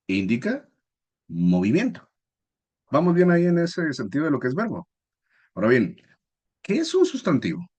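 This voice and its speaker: A man's voice: mid-range voice, darkish tone, husky. A man teaching a spelling lesson, explaining patiently and asking his class questions.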